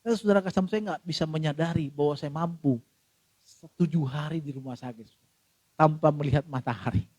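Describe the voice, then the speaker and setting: Male pastor, high voice, dry close sound, emotional sermon, shifts from loud to hushed. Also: fairly quick, dry recording. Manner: repeats the congregation address often.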